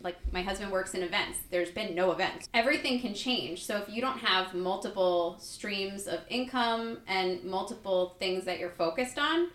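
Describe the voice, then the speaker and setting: A woman's voice: mid-range voice, moderate pace, hardly any pauses, fairly bright tone. A woman co-hosting a podcast, chatting casually and adding joking asides. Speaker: podcast co-host. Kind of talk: casual chat. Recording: roomy echo, faint background noise.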